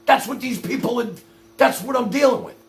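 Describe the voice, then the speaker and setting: Faint music plays behind a livestream host whose very high voice moves at a brisk clip. He rants at his viewers directly, profane, confrontational and exasperated, repeating blunt rhetorical questions.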